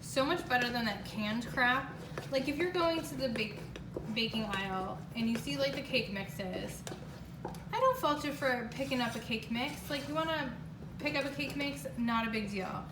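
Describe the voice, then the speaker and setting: A woman's voice: on the high side, moderate pace. A woman giving a casual, chatty home cooking demonstration in a kitchen, talking in an emphatic, exclamatory way. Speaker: home baking show host. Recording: roomy, distant mic, clear background noise.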